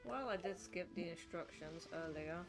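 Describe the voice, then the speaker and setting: A woman's voice: lowish voice, lively intonation, normal speed. A woman streaming a game with casual commentary, musing and thinking aloud. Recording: loud game music behind the voice. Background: game music.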